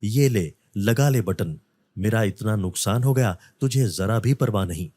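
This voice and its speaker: A man voicing a loud, quarrelsome middle-aged beggar woman who wails and scolds her husband. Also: lowish voice, animated, a little slow, no echo. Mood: scolding. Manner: wailing, scolding.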